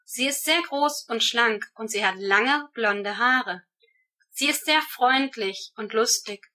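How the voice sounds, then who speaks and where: A woman giving rehearsed answers to German speaking-exam questions in a steady, measured way. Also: a little high.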